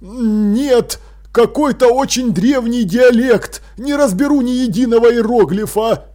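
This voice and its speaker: A man voicing an excitable, bossy old mummy king who talks in loud, eager exclamations, in an audiobook. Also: very high voice, a little slow, voice pushed up. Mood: puzzled.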